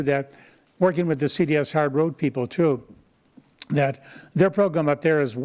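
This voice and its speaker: A man with a fairly high-pitched, slightly mellow voice addresses a public meeting in a town board meeting room. He is a Rotary club member and community volunteer, presenting earnestly and explaining his points.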